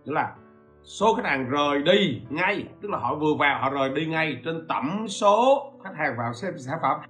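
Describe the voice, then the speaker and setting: A man's voice: fairly high pitch, expressive, moderate pace, fairly bright tone, faint music behind. A man hosts a podcast lesson, explaining step by step and often stopping to ask listeners if they follow. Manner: asks rhetorical questions and checks in with listeners. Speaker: podcast host teaching e-commerce. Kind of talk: informal spoken lecture.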